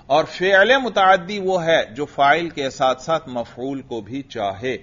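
Male teacher in a classroom lesson, slightly high pitch, questions the class and drills examples slowly, dull recording. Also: a bit bright. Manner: drills students with questions, slow emphatic recitation of examples. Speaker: Arabic grammar teacher.

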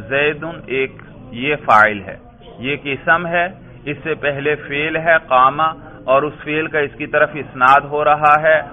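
Male grammar teacher, quizzing style, asks and answers himself; tinny lo-fi recording. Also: medium pitch. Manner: drills students, asks and answers his own questions. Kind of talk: classroom lesson with questions and answers.

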